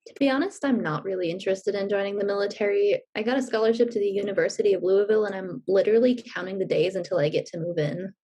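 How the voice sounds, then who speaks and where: A woman playing a wary, frustrated seventeen-year-old non-binary teen who talks hesitantly with quick fillers, in an indie audio drama. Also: medium pitch, warm tone, husky, natural voice. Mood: awkward.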